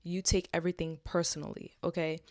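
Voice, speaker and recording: A woman's voice: lowish voice, little pitch movement, brisk, darkish tone, dry recording. A woman in her twenties making a vlog. She reads a script, then rambles chattily with many fillers and tag questions. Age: 20s. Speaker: vlogger. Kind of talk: scripted narration, then casual personal chat.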